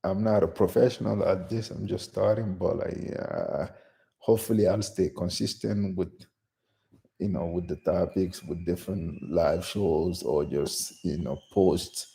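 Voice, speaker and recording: A man's voice: low-pitched, fairly even intonation, a little slow, gravelly, mellow. A man from Guinea hosting his first casual solo live stream, talking off the cuff with many restarts and "you know". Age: middle-aged. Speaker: channel host.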